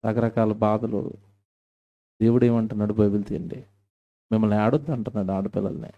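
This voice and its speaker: A man's voice: fairly low pitch, steady tone, brisk, narrow, tinny audio. A man preaching a live-recorded church sermon, asking the congregation questions and reading scripture with emphasis. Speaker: pastor. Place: church hall.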